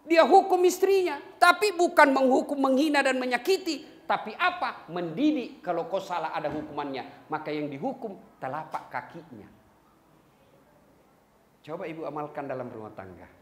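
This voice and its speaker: Male preacher, animated sermon delivery, long hall reverb. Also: high voice, moderate pace. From Indonesia. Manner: animated, jokes with the crowd, breaks into song. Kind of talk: lively sermon to a congregation.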